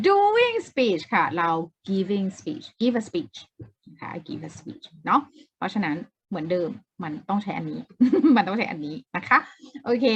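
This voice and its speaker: Woman tutor, husky voice, unhurried, step-by-step explaining, dull lo-fi sound. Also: medium pitch, a bit bright. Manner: explains step by step, repeats key words, asks the viewer questions. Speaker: English exam tutor. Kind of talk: casual test-prep lesson.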